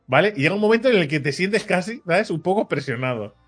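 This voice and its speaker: A Catalan man from Spain tells a story in a casual chat, acting out the dialogue and going off on lots of asides. His voice is high, fast and husky, with faint music in the background. He's an animated storyteller who laughs often and keeps dropping the filler "¿vale?".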